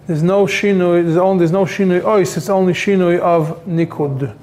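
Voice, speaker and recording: A man teaching a religious text class, explaining slowly, restarting phrases and repeating words as he goes. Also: high-pitched, fairly even intonation, a little mellow. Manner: halting, repeats words, many fillers. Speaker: rabbi teaching a Talmud class. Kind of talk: explaining halachic texts to a class.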